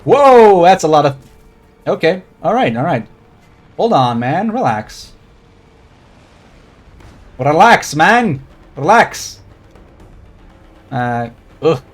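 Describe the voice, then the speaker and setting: Soft music plays behind a Swedish game streamer whose general American accent rides a slightly high, very animated voice. He speaks slowly with frequent pauses, rambling, swearing liberally, and addressing chat as he plays live.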